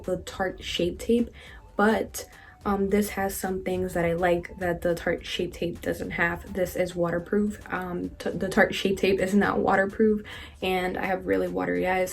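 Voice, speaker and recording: A woman's voice: fairly low pitch, a little mellow. A young woman makeup vlogger giving a casual, chatty product review, speaking directly to her viewers with lots of fillers.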